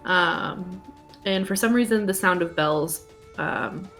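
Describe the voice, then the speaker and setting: A woman's voice: lowish voice, slow pace, a bit bright, soft background music. A woman playing in a tabletop game, describing her character with many hesitant ums. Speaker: player.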